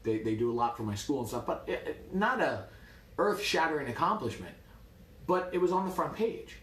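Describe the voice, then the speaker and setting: A man from New York, a martial arts coach, telling a story in a lively, wry way. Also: on the high side, a little fast, echoey room. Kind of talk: casual storytelling.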